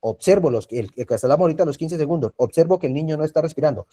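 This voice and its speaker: Over a video call, a man with a Colombian Spanish accent teaches an online first aid class, repeating key points and checking in with frequent tag questions. His voice is fairly high, animated, and mellow, and he talks very fast.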